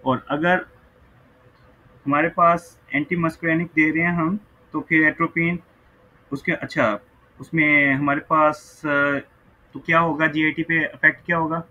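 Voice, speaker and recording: A man's voice: a little high, level tone, a little slow, lo-fi sound. A man giving an online physiology lecture who mixes Hindi-Urdu and English, asks students questions and keeps checking "ok, right?".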